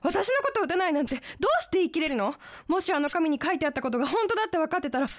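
Woman as frightened young woman in a student radio drama, high and very lively pitch, panicked pleading. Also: fast talker.

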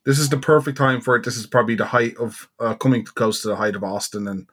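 A man co-hosting a wrestling podcast, chatting casually, swearing and acting out quotes in high voices. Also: fast talker, a bit bright. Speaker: podcast co-host. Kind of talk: casual chat.

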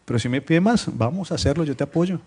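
Lively preacher man, a bit high. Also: quick pace, breathy edge. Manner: lively, swings between loud scripture reading and quiet asides. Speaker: pastor. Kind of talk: sermon. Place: church meeting room, streamed live.

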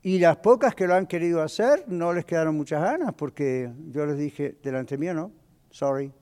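A man's voice: a little high, expressive, moderate pace, a little mellow. A male pastor teaching a Bible lesson in a conversational way, putting questions to his congregation. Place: church hall. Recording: long church hall reverb.

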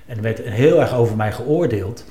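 A man's voice: mid-range voice, lively intonation, moderate pace, warm tone. A man, a former club executive, speaking reflectively and hesitantly in a conversation with many fillers. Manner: thoughtful, hesitant, full of fillers and self-questions. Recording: roomy with faint ambience.

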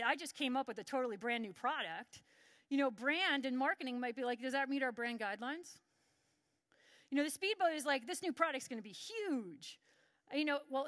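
A woman's voice: a little high, no room sound. A middle-aged woman giving a conference talk, telling stories and acting out what colleagues said. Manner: lively storytelling, acts out quoted colleagues. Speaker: conference speaker.

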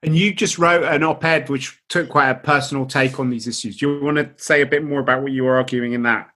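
Male moderator, mid-pitched voice, fluent, measured questions. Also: steady tone, pushed and bright. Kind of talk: panel discussion.

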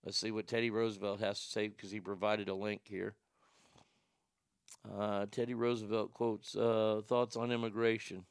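A middle-aged Texan man with a stutter hosts a livestream show, reading viewer comments and answering bluntly as he rambles, swears, and laughs at his own jokes. His fairly low voice barely moves in pitch, with a moderate pace and a clear, resonant tone. The studio-quality audio has no echo.

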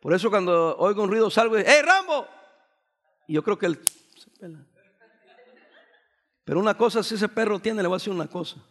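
A man's voice: sits high, brisk, long pauses. A male pastor delivering a sermon, telling stories with energy and dropping in English phrases. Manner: animated storytelling preacher, mixing in English phrases.

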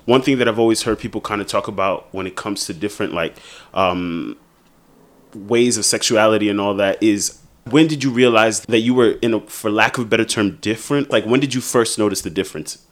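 A man's voice: lowish voice, fairly quick. A man co-hosting a podcast in casual, conversational panel talk. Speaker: podcast co-host.

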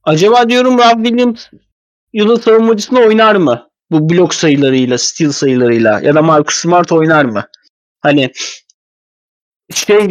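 A man's voice: high voice, dry recording. Stuffy-nosed man talking basketball, dry sound. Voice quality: thick, stuffy-nosed voice from a cold. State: sick with a cold. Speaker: basketball podcast commentator. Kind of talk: casual sports analysis talk.

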